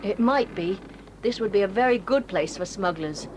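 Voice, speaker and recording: A woman's voice: mid-range voice, lively intonation, normal speed, a little mellow, close to an everyday voice. A woman playing Julian, a sensible boy who leads the other children, earnest and bossy in a 1980s audio drama. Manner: earnest, bossy, takes charge. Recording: hissy old cassette tape.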